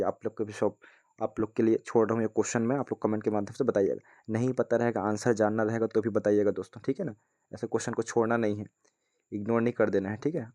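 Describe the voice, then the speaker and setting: With a fairly low pitch and darkish tone, a man teaches a casual exam-prep lesson by reading questions aloud. He repeatedly checks in with viewers, whom he calls friends, using phrases such as "ठीक है ना."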